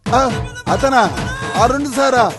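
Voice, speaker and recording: A man's voice: very high voice, little pitch movement, slow, over music. A man playing a chatty shed owner who talks in a gossipy, sing-song way.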